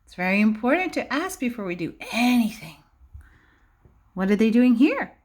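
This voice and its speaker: This is a fairly high-pitched woman, a teacher, reading a picture book aloud for young kids. Her delivery is expressive and instructive, broken up by frequent questions to the children.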